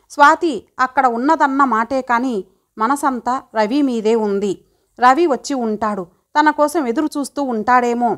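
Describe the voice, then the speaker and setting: A woman narrating a story audiobook in a steady, measured reading voice. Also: high voice.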